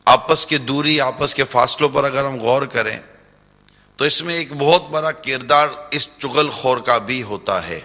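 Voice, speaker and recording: A man's voice: medium pitch, pushed and bright. A man giving a religious lecture, live before an audience in a large religious center hall, addressing listeners directly with rhetorical questions and repetition. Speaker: preacher. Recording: long hall reverb.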